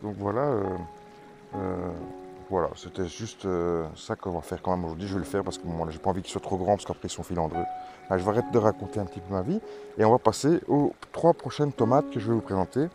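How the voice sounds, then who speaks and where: A man's voice: deep voice, quick pace, over music. A man from Belgium with a Belgian French accent, chatting casually while showing his vegetable garden, rambling with many hesitations and restarts. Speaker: amateur gardener presenting tomato seeds. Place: vegetable garden outdoors in hot weather.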